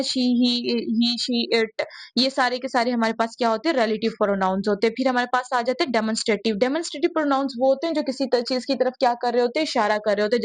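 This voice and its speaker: A woman teacher giving an exam-prep lecture, mixing English terms into her explanation and repeating rhetorical questions to her students. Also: a little high.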